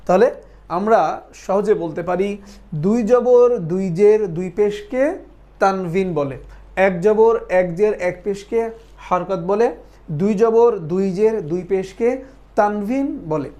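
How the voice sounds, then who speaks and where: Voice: mid-range voice, a little slow, mellow. A Quran recitation teacher giving an online lesson, patiently explaining step by step, asking questions and then answering them and repeating points for drilling.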